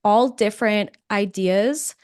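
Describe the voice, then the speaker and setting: A woman presenting a live webinar on podcasting, speaking in a conversational, energetic way with frequent fillers. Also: medium pitch, slow, dry recording, studio quality.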